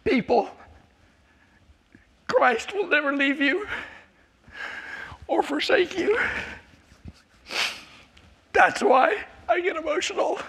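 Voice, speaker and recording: At a church class, a man in his fifties from South Africa, whose first language is Afrikaans but who has an American accent, rambles through a jokey, self-interrupting personal testimony. His voice is extremely high, expressive and a bit bright, and he speaks slowly with frequent pauses.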